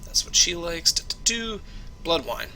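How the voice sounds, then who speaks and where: A man's voice: a little high, sing-song, normal speed, pushed and bright, a little hiss or hum, voice pushed up, full character voice, rough recording. A man voicing a hearty male Scottish starship engineer who loves his whisky, in a put-on Scottish accent. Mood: grumbling. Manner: hearty, blustery, rolling brogue.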